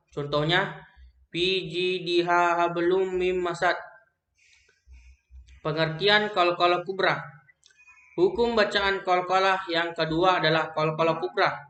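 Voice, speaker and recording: A young man with an Indonesian accent works through a recitation lesson, reading slowly from his notes and often stumbling and restarting words. His voice is bright and a little high. The room around him rings with echo. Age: young adult. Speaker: student presenting an assignment. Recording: echoey room.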